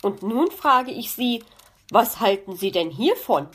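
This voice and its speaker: A woman's voice: a little high, expressive, a little slow, slightly rough. A woman voicing a genial, polite male fox baking cookies in a children's audiobook. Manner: courteous, amused and warm.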